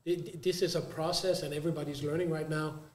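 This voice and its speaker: A man with a fairly high voice explains things conversationally, restarting and repeating words as he goes. He reaches for simple everyday images. The recording is echoey, from a live event room. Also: fairly even intonation, fast. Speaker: guest panelist. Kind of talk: casual panel chat. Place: live conference venue.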